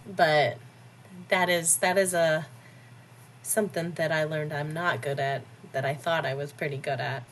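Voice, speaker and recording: A woman's voice: sits low, steady tone, measured pace, a little hiss or hum. A woman in a casual interview, blunt and joking, laughing often as she talks about running her own business. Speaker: podcast guest, business owner.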